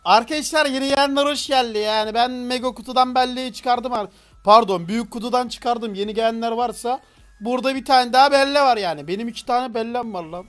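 A man with a very high voice streams a game live, talking to his chat in quick, slangy bursts. He gets excitable and loud, breaks into shouts and laughs, and faint music plays behind him. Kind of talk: live gameplay commentary.

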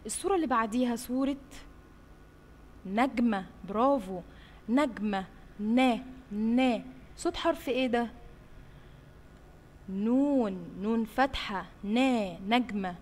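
Slow Egyptian teacher sounding out letters. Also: female voice, fairly high pitch, animated. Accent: Egyptian Arabic. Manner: sounds out letters slowly and praises the children often. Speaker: kindergarten Arabic teacher. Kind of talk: slow drawn-out phonics lesson for young children. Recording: roomy with long reverb, faint hiss.

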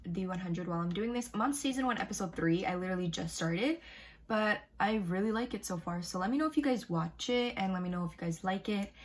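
A woman's voice: mid-range voice, quick pace. A teenage girl talking casually to her viewers in a day-in-my-life vlog, chatty and full of fillers, recorded in her bedroom on a camera in front of her. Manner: chatty, filler-heavy, addresses viewers directly. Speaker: vlogger. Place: bedroom at home, indoors.

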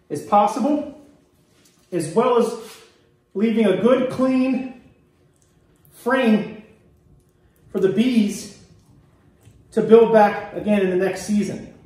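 A middle-aged beekeeper from Maryland talking through a hands-on demonstration while he works, relaxed and explanatory, recorded on a camera mic a few feet away in an indoor workroom. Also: high-pitched, takes it slowly, long pauses, recorded from a distance. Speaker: beekeeper demonstrating honey harvest. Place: indoor workroom, hard surfaces. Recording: echoey room, voice off-mic.

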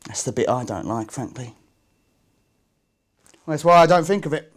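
An actor in his thirties plays a chatty, musing Cockney gangster in a dramatic monologue, wry and conversational. His natural, medium-pitched voice is animated at a moderate pace, swinging between muttering and exclaiming.

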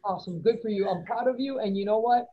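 A middle-aged woman, a city manager, answering questions in an online lecture, upbeat and encouraging, listing points in quick bursts from her office webcam. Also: on the high side, a little hiss or hum. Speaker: city manager, guest speaker. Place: office with poster on the wall. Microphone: laptop webcam on video call. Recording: dull lo-fi video call audio.

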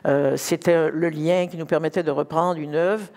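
A woman's voice: sits low, fairly even intonation, moderate pace, darkish tone. An older woman talking unscripted about music as an ensemble director, in hesitant stop-start phrases with repeated words. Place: large concert hall stage, indoors. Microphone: headset.

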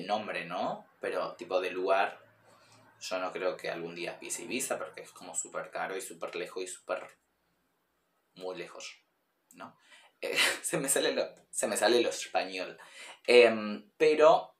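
A man's voice: low voice, unhurried, a bit bright, roomy sound. A man with an Argentine accent giving casual reaction commentary, rambling with many fillers and speaking straight to his viewers. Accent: Argentine Spanish. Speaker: YouTube reaction host.

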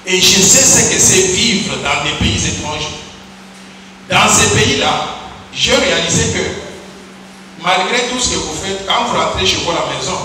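A middle-aged man from Congo giving a deliberate public speech at a lectern with a handheld microphone, explaining a proposal and building to emphatic repetition. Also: high voice, sharp tone, slight background noise. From Congo (DRC). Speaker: politician presenting a bill. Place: large hall on a stage. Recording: echoey hall, mic at a distance.

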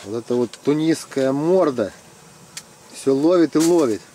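In a tent out on the ice, this middle-aged man, a fishing vlogger, chats casually and ribs his buddies with lively humor. His voice sits on the high side and moves a little slowly, with a bit of hiss or hum in the recording.

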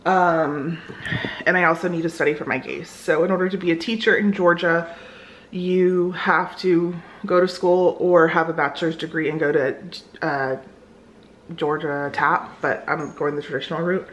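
In this vlog, a US woman in her thirties rambles through lots of ums and likes while cleaning her kitchen at home. Her voice sits fairly low with a steady tone at normal speed. The audio is poor with a little hiss or hum, recorded on a phone at arm's length and later on a distant camera.

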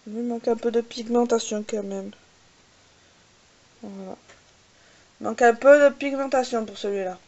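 A woman's voice: a little high, fairly even intonation, darkish tone, dull audio. A woman hosting a casual makeup swatch vlog, talking hesitantly with many filler sounds and repeated little asides, joking about her own pronunciation. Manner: hesitant, fills pauses with "euh" and repeated "voilà"; jokes self-mockingly about her English pronunciation. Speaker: beauty vlogger host.

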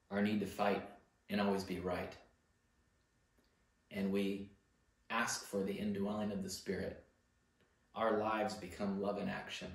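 A man's voice: on the low side, creaky. Earnest preaching man, very echoey room. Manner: earnest preaching, rising emphasis on key words. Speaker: pastor. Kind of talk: sermon. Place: church library room with bookshelves, indoors.

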